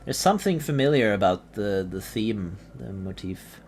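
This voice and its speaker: Man, game master, very deep voice, hesitant narration, audible background noise. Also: lively intonation, normal speed, a little mellow. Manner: hesitant, many fillers and restarts.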